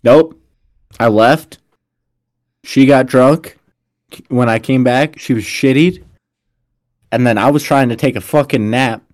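A man's voice: medium pitch, slow pace, long pauses. A young man telling stories in casual chat, blunt and profane, with frat-bro slang. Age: young adult.

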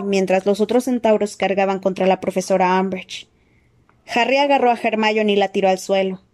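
A woman reading a fantasy novel aloud with dramatic, expressive storytelling. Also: medium pitch. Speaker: audiobook reader. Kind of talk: expressive audiobook narration.

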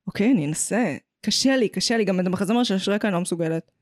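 A woman's voice: medium pitch, dry recording, studio quality. A woman with an Israeli accent co-hosting a casual pop-culture podcast, opinionated and jokey, dropping in English phrases. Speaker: podcast co-host.

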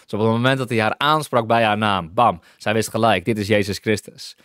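A man teaches enthusiastically through a Bible passage, often bursting into hallelujah and restarting sentences as he reads and explains scripture. His fairly low voice is fairly even in intonation, a little fast and fairly bright, recorded studio-clean with no room sound.

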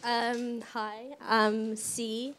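A woman's voice: on the high side, little pitch movement, drawn-out words, fairly bright tone, slight background noise. An eighteen-year-old woman with a South London accent, talking casually as a co-host on a live podcast panel. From Brixton, South London.

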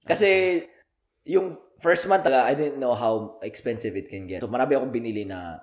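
A man's voice: medium pitch, normal speed. A man with a Filipino accent, hosting a podcast and telling stories in casual banter, laughing often. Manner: animated storytelling, laughs often. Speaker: podcast host.

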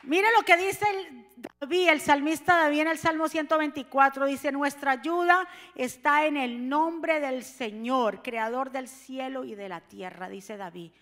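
Woman preacher, high voice, fervent sermon, soft then shouting, long hall reverb. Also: unhurried. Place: church hall.

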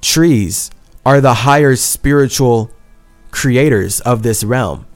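With soft music in the background, a man speaks slowly at medium pitch in a solo podcast monologue. The host's manner is earnest and intense, moving from heated to tender, and he keeps repeating phrases.

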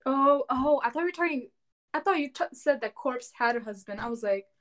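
Teen female co-host, slightly high pitch, incredulous, chatty. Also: animated, a little fast. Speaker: podcast co-host. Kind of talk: casual chat.

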